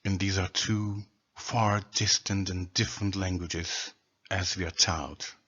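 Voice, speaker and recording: A man delivers a solo lecture in a low, slightly husky voice. He speaks very slowly and deliberately, setting out word after word. The recording sounds dull and lo-fi. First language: Turkish. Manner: slow, deliberate, lists words one by one. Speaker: presenter of a language theory.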